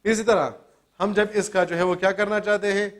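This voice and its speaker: Speaking in a level tone, a high-voiced male English teacher walks his class through grammar rules. Along the way he answers his own questions and spells out words one letter at a time.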